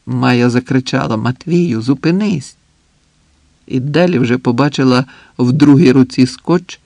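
A man reads literary fiction aloud at a measured, unhurried pace, letting long pauses sit between phrases. His voice sits at an ordinary middle pitch. The recording is close and dry, with no room sound. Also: vocal fry, darkish tone, dry recording. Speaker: audiobook narrator. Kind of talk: scripted literary narration.

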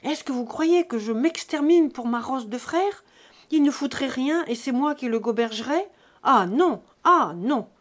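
A woman voicing a furious, greedy grown peasant son who shouts accusations at his aged parents. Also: medium pitch, expressive, a little slow, hardly any pauses, breathy edge, full character voice.

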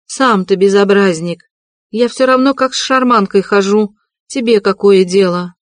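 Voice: measured pace, no echo, natural voice. A reader voicing a proud, frantic impoverished widow, raised and strained, in an audiobook reading. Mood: shrill. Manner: haughty then shrill and desperate.

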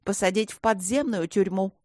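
A woman's voice: medium pitch, moderate pace, a little mellow, dry recording, studio quality, natural voice. A woman voicing a cold, imperious queen in an audiobook, speaking in a commanding, clipped way. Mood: stern.

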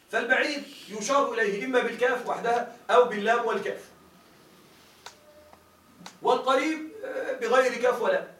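A man's voice: extremely high pitch, a bit bright, reverberant, distant mic, low-quality recording. A male teacher gives a grammar lecture. He reads a classical text aloud, explains it, and keeps checking that his listeners follow.

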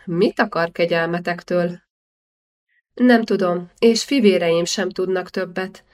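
A woman's voice: on the low side, natural voice. Woman reading as a shy, troubled young girl. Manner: soft and timid.

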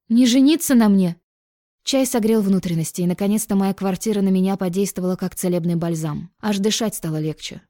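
A woman narrating a first-person novel in an even, confiding storytelling manner. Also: mid-range voice, dry recording, clean studio sound. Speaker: audiobook narrator.

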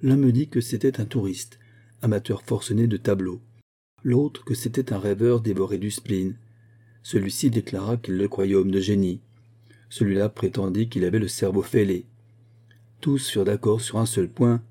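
A man reading a nineteenth-century story aloud in a measured narrating voice. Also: fairly low pitch, warm tone, husky. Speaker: audiobook reader. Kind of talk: scripted narration.

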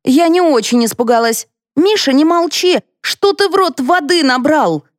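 A woman reading an audiobook, voicing a quick-tempered, indignant mother in a high, sharp voice. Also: expressive, no room sound, studio quality. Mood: scornful.

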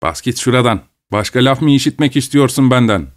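A man's voice: medium pitch, fairly quick, natural voice. A man doing a cheeky, stubborn peasant. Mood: defiant. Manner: defiant, mocking.

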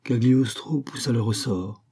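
A man narrating an audiobook novel in a measured, even storytelling manner. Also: medium pitch, gravelly, husky.

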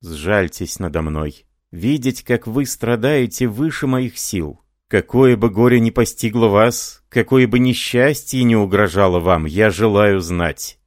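A man's voice: deep voice, animated, unhurried, no echo, studio quality. A man playing an ardent, devoted young French lieutenant who speaks fervently and pleadingly.

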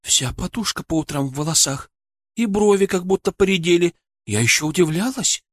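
Guy doing a shaky scared lady in her fifties, pitched way up, voice rising and falling a lot. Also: lively intonation, a little fast, no echo, studio quality. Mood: eager. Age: 50s. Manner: trembling, anxious pleading. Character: frightened middle-aged wife of a patient.

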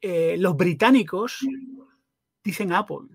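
Chatty Spanish podcast host, dry sound. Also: male voice, high-pitched, normal speed, no room sound. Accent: Spain. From Spain. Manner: enthusiastic, chatty, asks long questions. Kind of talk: casual interview chat.

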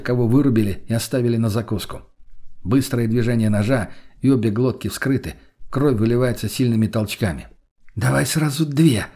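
Husky male audiobook narrator. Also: mid-range voice, dark tone. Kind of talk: first-person audiobook narration.

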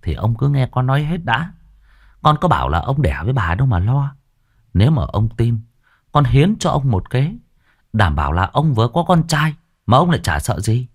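A man's voice: mid-range voice, very animated, normal speed, breathy edge, pitched above the performer's own voice. Man doing a fawning, sly village servant. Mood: coaxing. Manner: fawning, coaxing, polite.

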